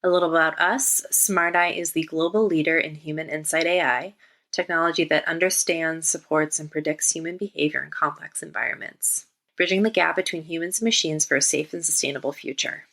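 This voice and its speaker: A woman's voice: sits low, brisk, fairly bright tone. A woman reading a polished, scripted introduction as a podcast host.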